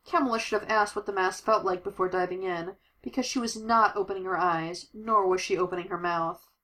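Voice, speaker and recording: A woman reading a superhero story aloud, giving the characters lively voices. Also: medium pitch, brisk, slight background noise, rough recording. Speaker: audiobook narrator.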